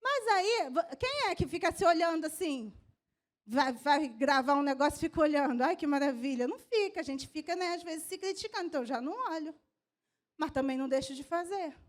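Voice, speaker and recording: A woman pastor with a Brazilian Portuguese accent preaching a sermon in a conversational way, with a slightly strained voice, moving from soft asides to loud exhortation. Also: sits high, lively intonation, a little fast.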